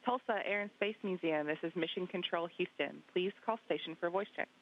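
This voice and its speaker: A woman's voice: lowish voice, brisk. A woman working as a mission control communicator, giving clipped procedural callouts over a radio comm link. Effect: heard over a radio comm link, like a walkie-talkie. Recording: muffled, narrow radio line.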